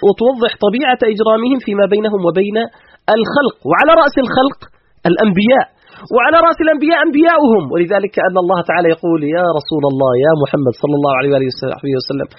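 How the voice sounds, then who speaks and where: Fast-talking guy giving an emphatic religious lecture, husky voice, kinda muffled lo-fi sound. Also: high voice, no echo. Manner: emphatic, fires rhetorical questions. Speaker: guest scholar explaining Quran verses.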